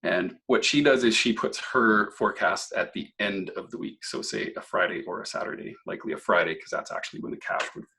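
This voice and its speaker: Guy, low raspy voice going a bit hoarse, explaining a software demo, clears his throat a lot. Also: expressive, fairly quick, few pauses, a little hiss or hum, low-quality recording. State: slightly hoarse. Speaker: software presenter. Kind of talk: software walkthrough webinar.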